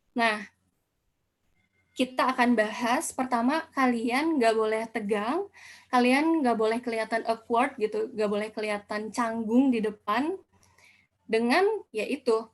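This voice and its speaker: A young woman, teaching public speaking in a casual online workshop and mixing in English phrases. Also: fairly high pitch. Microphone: video call.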